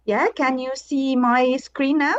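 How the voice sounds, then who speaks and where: An Egyptian woman presents a prepared conference paper over a video call, reading it slowly, carefully and in a measured way. Her voice sits high with a steady tone. Her remote computer mic yields dull, dry audio with no echo.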